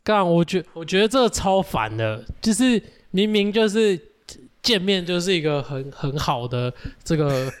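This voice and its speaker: Higher-voiced teasing podcast man. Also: sing-song, moderate pace, smooth. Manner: teasing, laughs along, chimes in. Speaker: podcast co-host. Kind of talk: casual podcast chat.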